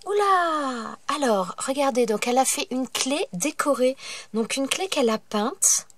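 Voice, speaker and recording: A woman's voice: high-pitched, normal speed, no room sound. Chatty woman with a stuffy cold. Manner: chatty, full of fillers and delighted exclamations. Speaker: craft channel host. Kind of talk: casual mail-opening vlog.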